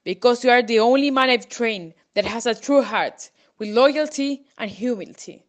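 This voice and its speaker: A woman's voice: fairly high pitch, normal speed, lightly acted. A woman reading aloud, voicing a serious, commanding old lord in a storybook. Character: wise stern old male lord.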